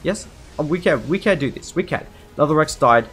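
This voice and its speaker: A man's voice: fairly high pitch, animated, fairly quick, fairly bright tone. A man giving live commentary over his gameplay, frantic and anxious, repeating himself over and over as he talks. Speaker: gaming video creator.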